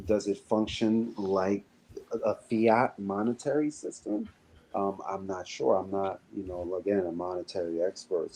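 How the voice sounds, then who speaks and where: A man with a very low, dark, mellow voice talks in a relaxed podcast chat. He hedges a lot, full of ums and restarts, and picks up pace and pitch when he pushes back. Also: a little hiss or hum, poor audio. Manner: hesitant, many fillers and restarts; rises and speeds up when pushing back. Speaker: podcast co-host. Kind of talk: casual discussion.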